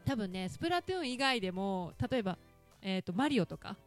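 Lively Ehime-accented woman host. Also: medium pitch, fairly quick, soft background music. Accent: Ehime Japanese. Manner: laughs often, chatty and teasing. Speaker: podcast host talking with her daughter. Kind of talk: casual talk radio chat.

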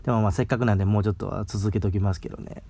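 Fast-talking gravelly man, rambling. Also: lowish voice, fairly even intonation, mellow, no room sound. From Mie, Japan. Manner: rambling, chatty, tags sentences with "ne". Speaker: podcast host. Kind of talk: casual solo talk. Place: outdoors.

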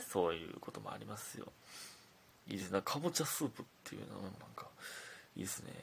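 Gravelly low-voiced man with a Kansai accent. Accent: Kansai Japanese. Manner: chatty and self-deprecating, drifting between loud bursts and mumbled asides. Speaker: comedian hosting a listener-letter podcast. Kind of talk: casual solo talk reading listener letters.

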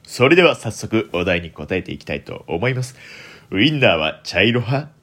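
A young man from the radio-host mold speaks in a deliberately deep, low voice. His pitch swings widely as he delivers polite, formal lines like a smooth late-night announcer, adding theatrical flourishes. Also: very animated, a bit bright. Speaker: host of a solo internet radio show.

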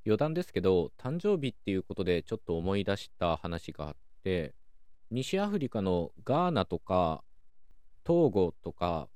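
A man hosting a calm solo talk show, explaining things in a measured way with many soft fillers. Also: low voice, dry recording. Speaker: podcast host.

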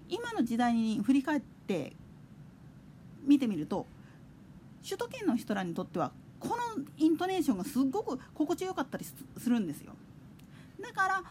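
A woman's voice: high-pitched, slight background noise. A woman hosting a casual solo chat radio show, talking in a chatty, digressive way. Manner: chatty, digressive, with soft laughs. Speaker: podcast host.

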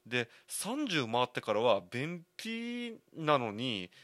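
A man's voice: mid-range voice, sing-song, slow, a bit bright, no echo. A man in his thirties with a Kansai accent, hosting a solo talk show as a candid, rambling storyteller. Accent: Kansai Japanese. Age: 30s. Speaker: podcast host.

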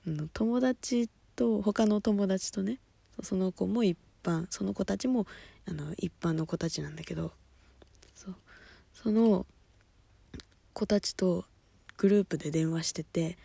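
A woman hosting a solo talk show, chatting casually, laughing often and dropping to soft murmurs. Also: fairly low pitch, creaky, husky, no echo. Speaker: podcast host. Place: at home at night.

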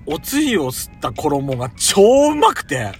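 A man's voice: a little high, wildly swooping pitch, measured pace, music in the background. A man chatting casually about food as a podcast co-host, talkative and emphatic, with feminine-style colloquial phrasing.

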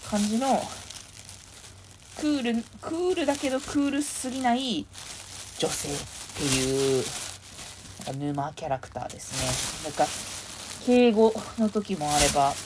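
A woman hosting a casual solo podcast, rambling and chatty as she sorts clothes at home. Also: fairly low pitch. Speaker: podcast host. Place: at home, sorting clothes while talking. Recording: noisy home recording.

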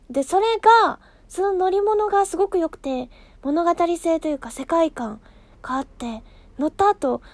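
A woman's voice: high voice, a little mellow, no room sound. A woman hosting her own casual solo talk show, chatty and self-deprecating, with many fillers.

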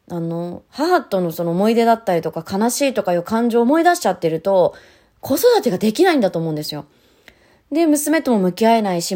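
A woman talking alone on a podcast in a casual monologue, candid and reflective, addressing her listeners directly with many soft fillers. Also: on the high side. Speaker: podcast host, single mother.

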